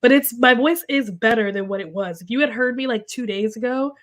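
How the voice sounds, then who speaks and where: Fairly quick and on the high side, this young woman's voice carries a casual livestream from her home desk microphone. She sounds stuffy and slightly coughy while recovering from sickness, chatting with many fillers and reacting as she reads viewers' comments.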